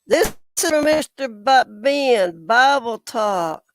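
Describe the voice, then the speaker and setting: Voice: medium pitch, animated, slow, a little hiss or hum. A YouTube commentator talking casually and indignantly to viewers, reading out comments and calling them ridiculous. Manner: indignant, exasperated, repeatedly addresses viewers as folks.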